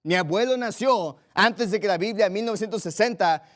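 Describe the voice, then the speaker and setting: A man's voice: high-pitched, normal speed, fairly bright tone. A young adult man preaching a sermon as pastor, emphatic, repeating phrases and reading scripture aloud.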